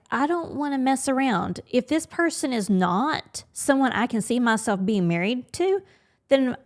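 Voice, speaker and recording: Frank, chatty woman co-hosting a podcast. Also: a little high. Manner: frank, chatty, thinking aloud with quoted inner thoughts. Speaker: podcast co-host. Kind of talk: candid conversational podcast chat.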